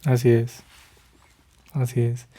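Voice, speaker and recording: Podcast host, mellow voice, attentive interviewer. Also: male voice, mid-range voice, monotone, slow. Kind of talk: interview conversation.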